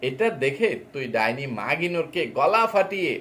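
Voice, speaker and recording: A man's voice: a little high, big pitch swings, normal speed, a bit bright. A man delivering an angry, insulting rant as a reaction vlogger, scolding and mocking another vlogger.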